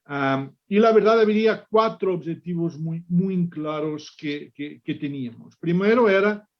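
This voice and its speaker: A man's voice: a little high, a little slow, dull audio. A man who is a native Portuguese speaker gives a conference talk in a Spanish-Portuguese mix with a Portuguese accent, often repeating words as he searches for phrasing. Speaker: conference speaker, business executive. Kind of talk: unscripted conference presentation.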